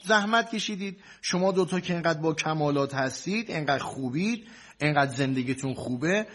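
A man with a fairly high voice plays a cleric counselor. He lectures a couple in a preachy, soothing tone and stacks his advice in repetitive lists. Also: lively intonation, fairly bright tone. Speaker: cleric marriage counselor in a sketch. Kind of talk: comic sketch, preachy advice.

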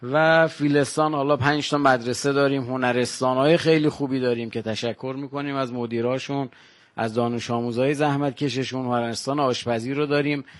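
A man's voice: medium pitch, steady tone. An older man with a Varamini Persian accent, a village guest on a radio show, proudly listing facts about his home. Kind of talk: radio phone-in chat.

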